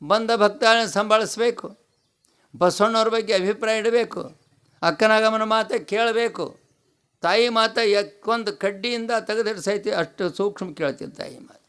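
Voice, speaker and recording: His voice sits high and rings clear and resonant, fairly bright in tone, at a moderate pace. The speaker, a swami from North Karnataka, India, preaches a pravachana in a North Karnataka Kannada accent, leaning on rhetorical questions and repeated key phrases.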